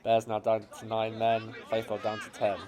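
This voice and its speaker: A man with an English accent commentating on his own amateur football team's match highlights, his voice cracking as the excitement builds. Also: moderate pace, crowd noise. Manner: builds to shouting excitement at late chances.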